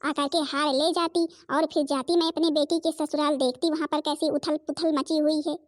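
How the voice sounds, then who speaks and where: A woman's voice: high-pitched, level tone, normal speed, no echo, clean studio sound, lightly acted. A woman voicing a scheming middle-aged mother in a cartoon, bossy and sly.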